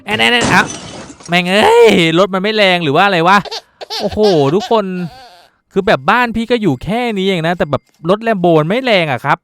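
A young man giving playful, teasing Let's Play commentary as a gaming YouTuber, breaking into excited shouts. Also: sits high, brisk.

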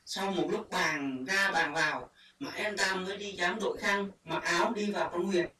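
A storyteller reading a short story aloud at a measured, deliberate pace. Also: mid-range voice, bright, forceful tone. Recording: echoey room, far from mic, faint hiss.

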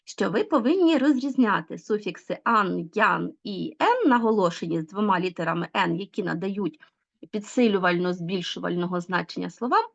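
A woman teacher giving a grammar lesson to children, explaining patiently, stressing key words slowly and asking the class questions. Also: mid-range voice, animated, creaky, fairly bright tone, highs cut off. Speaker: school teacher.

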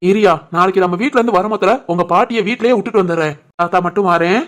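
A woman voicing a doting, joking grandfather in an animated family story, with a southern Tamil accent from the Tirunelveli area and a teasing, affectionate manner. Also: medium pitch, quick pace, slight background noise, close to an everyday voice. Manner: teasing, warm, jokey.

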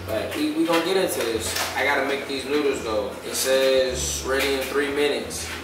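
Young guy vlogging in casual street slang, excitable, super echoey room, music in the back. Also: medium pitch, normal speed, recorded from a distance. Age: 20s. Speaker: food challenge host. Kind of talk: casual vlog chat. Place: home kitchen, indoors. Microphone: camera a few feet away.

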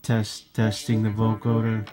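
A musician demonstrates a synthesizer with a vocoder-processed robotic voice of unclear sex, repeating short mic-check test phrases. The voice is medium-pitched, warm, a little slow and completely flat. Synthesizer tones sit over it while a synthesizer keyboard plays in the background.

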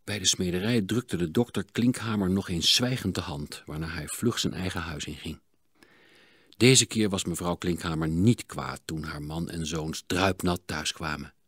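A man narrating a children's audiobook in an expressive, dramatic reading. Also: low-pitched, husky, no room sound. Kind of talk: storybook narration.

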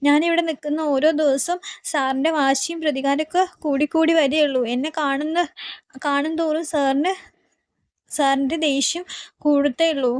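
A woman's voice: sits high, fairly even intonation, normal speed, dry recording, studio quality, lightly acted. A woman voicing a remorseful young woman who pleads to be let go from a household in a retold TV serial. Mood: confessing. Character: young woman, guilt-ridden and desperate to leave.

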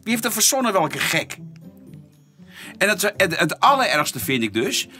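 A man co-hosting a gossip show, arguing bluntly in casual chat and bursting into loud laughter. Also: high-pitched, big pitch swings, measured pace, faint music behind. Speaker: podcast co-host.

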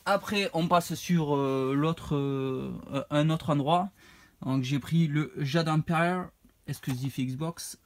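A man's voice: fairly high pitch, takes it slowly. A man, casually showing off his retro game purchases, rambling and hesitant as he reads out prices. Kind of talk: casual unboxing vlog.

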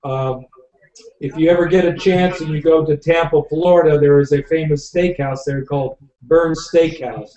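The sound is dull and echoey, coming from a far-off webcam as an older winery owner runs a live tasting over a video call from home. He rambles with many fillers in a fairly high, warm voice, speaking at a moderate pace with fairly even intonation.

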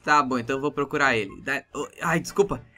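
A man with a Brazilian Portuguese accent narrating a Minecraft role-play in an excitable, exclamatory way. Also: medium pitch, fast talker, faint music behind. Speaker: gamer YouTuber.

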